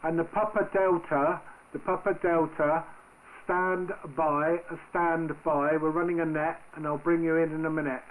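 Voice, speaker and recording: A man with a slightly high voice runs an amateur radio net. He talks in informal, hesitant call procedure over a shortwave link with light background static. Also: little pitch movement, normal speed, low-quality recording.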